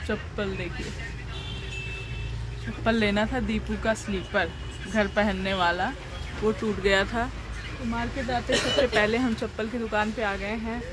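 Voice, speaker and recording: A woman in her thirties from India chats through a family vlog at home and at the market, her throat sore. Her mid-range voice is steady and unhurried, homely and chatty, with frequent laughter over background noise.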